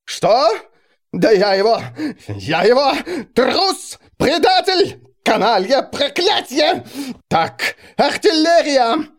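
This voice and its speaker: A man's voice: very high-pitched, sing-song, takes it slowly, voice pushed up, heavily acted. A man voicing a furious proud French king in battle, roaring curses and barking orders. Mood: raging. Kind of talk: audiobook character reading.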